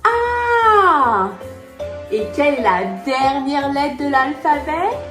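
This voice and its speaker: Brief: toddler-video host, a woman with a very high, drawn-out sing-song delivery, in a roomy space with light music under her. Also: expressive. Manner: sing-song, gushing exclamations, drawn-out words. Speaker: children's educational host. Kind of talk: slow, exaggerated talk to toddlers. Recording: roomy sound with soft background music.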